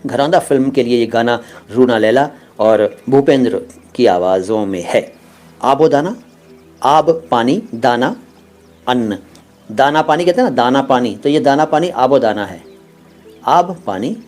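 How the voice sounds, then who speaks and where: A man's voice: mid-range voice, darkish tone. Man explaining word meanings patiently. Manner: asks a question, then answers it patiently; stresses careful pronunciation. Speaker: language teacher.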